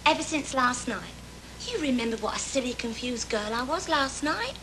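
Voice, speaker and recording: A woman's voice: high voice, animated, moderate pace, noisy background. A woman playing a giddy young shop clerk in love, telling her story breathlessly and breaking into song in a stage musical. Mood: excited. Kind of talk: stage musical singing and speaking. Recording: live stage recording, loud orchestra.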